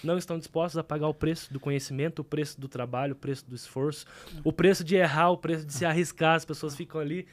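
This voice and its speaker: A man with a Brazilian accent and a fairly high voice hosts a podcast interview. He talks casually, as a broker chatting with a guest. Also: steady tone, fast. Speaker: podcast host and real-estate broker.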